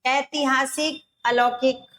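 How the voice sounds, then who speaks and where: High-voiced woman teaching grammar. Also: steady tone, fairly bright tone. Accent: Rajasthani Hindi. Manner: explains step by step, repeats words slowly, self-corrects. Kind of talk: exam-prep grammar lesson.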